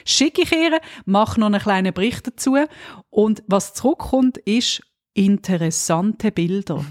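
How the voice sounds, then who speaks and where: A woman's voice: fairly high pitch, lively intonation, normal speed, no room sound, studio quality. Ironic Swiss woman podcast co-host. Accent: Swiss German. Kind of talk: casual podcast chat.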